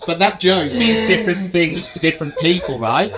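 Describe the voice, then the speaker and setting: A man's voice: sits high, animated, moderate pace, loud music behind the voice. A man from Warwickshire, a stand-up comedian telling anecdotes and acting out quoted dialogue in casual chat. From Warwickshire, England. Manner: storytelling, acts out quoted dialogue.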